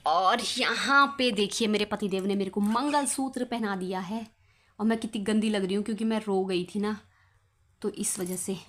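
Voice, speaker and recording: Young woman, bright, chatty and laughing, casual vlog. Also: mid-range voice, moderate pace. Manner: chatty, laughing often, near tears at times. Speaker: vlogger showing her wedding photos. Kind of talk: casual chat.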